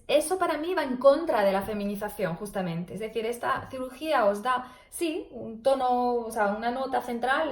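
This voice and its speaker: A woman speech therapist, explaining and warning her viewers in an earnest vlog. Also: darkish tone. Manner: earnest, cautionary, demonstrates pitch with her voice. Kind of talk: explanatory video blog. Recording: roomy echo.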